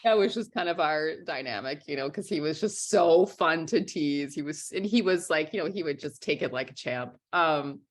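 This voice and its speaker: A young woman from Minnesota speaks low in her range and candidly in a conversational interview. She restarts her sentences and fills pauses with "um" and "you know.". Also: animated. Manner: frank and candid, restarts sentences, many fillers. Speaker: interview guest, writer and journalist.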